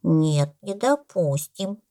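Storybook baby elephant, stubborn and literal, slow flat delivery, read by a woman. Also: fairly low pitch. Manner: slow, flat, matter-of-fact.

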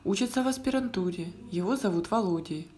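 A woman reading the lines of a quiet, grieving older grandmother in a storybook, with calm, gentle replies. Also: medium pitch, a little fast, slight background noise, close to an everyday voice.

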